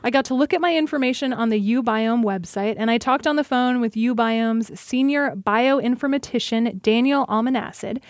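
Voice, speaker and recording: An American woman hosting a podcast, chatting and interviewing in a casual, playful and expressive way. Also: a little high, normal speed, hardly any pauses, no echo, clean studio sound. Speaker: podcast host.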